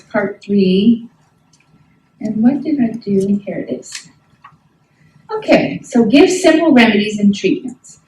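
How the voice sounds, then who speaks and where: Soft and mellow at medium pitch, this middle-aged health ministry instructor leads a class with emphatic, folksy energy and frequent questions for her audience. She's a bit far from the mic in a room full of echo, with slight background noise.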